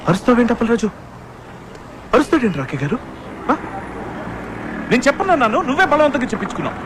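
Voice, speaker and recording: A man's voice: very high voice, big pitch swings, fast talker. An actor playing a hesitant, meddling male sidekick in a comedy film, repeating himself and teasing. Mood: defensive. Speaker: director's sidekick. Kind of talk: comic film dialogue. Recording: street traffic noise behind.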